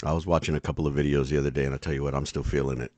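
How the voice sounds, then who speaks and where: A man's voice: very deep voice, little pitch movement, racing, darkish tone, no room sound. A man co-hosting a podcast in casual banter, laid-back and rambling, full of jokes. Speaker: podcast co-host.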